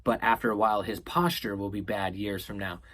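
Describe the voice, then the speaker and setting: A man quoting a calm, matter-of-fact doctor. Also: fairly low pitch, brisk. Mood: calm explaining. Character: calm male doctor explaining treatment options.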